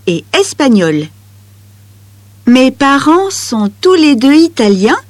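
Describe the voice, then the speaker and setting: A chatty teenage girl talks at an unhurried pace. Her voice is high and close, with a dry studio sound. It sounds like a language-course recording. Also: no room sound. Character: lively trilingual teenage girl. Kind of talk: scripted listening-exercise reading.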